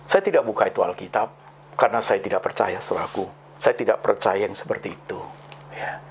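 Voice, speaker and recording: Middle-aged preacher guy, low voice, kinda gravelly, slow dramatic testimony, keeps saying brothers and sisters. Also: slight background noise. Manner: repeats "saudaraku" after nearly every phrase; slow, dramatic storytelling with sudden rises in pitch. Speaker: pastor. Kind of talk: testimony sermon.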